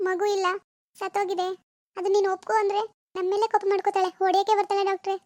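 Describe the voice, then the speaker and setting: A woman's voice: very high-pitched, level tone, racing, darkish tone, no room sound, voice pushed up. A woman voicing a distraught mother in a cartoon, pleading tearfully with a doctor to cure her daughter. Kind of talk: Kannada cartoon voice acting.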